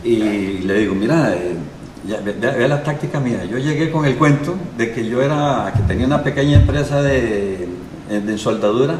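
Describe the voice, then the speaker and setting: A man's voice: mid-range voice, moderate pace, few pauses. An older man with a Costa Rican accent, a guest in an interview who tells a long anecdote and acts out the dialogue of the people in it. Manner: lively storyteller who acts out quoted dialogue. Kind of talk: anecdotal storytelling. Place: live show recording. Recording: roomy and distant, with background noise.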